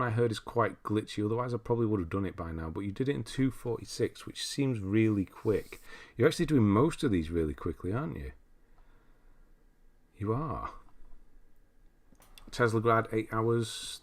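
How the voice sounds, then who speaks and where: A man with a fairly low voice speaks at a normal pace while hosting a laid-back livestream. He reads out what viewers send and comments on game lists, rambling as he thinks aloud and wandering into side comments.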